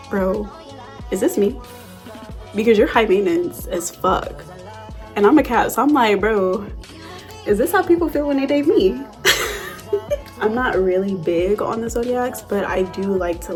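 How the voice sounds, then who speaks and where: Young woman, casual beauty vlog chat, animated storytelling, slang and swearing, medium pitch. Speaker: beauty vlogger. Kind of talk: casual makeup tutorial chat.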